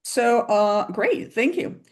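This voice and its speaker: A woman's voice: fairly high pitch, animated, slow. A woman who runs a business, talking casually about her work. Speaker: business owner. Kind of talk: casual chat.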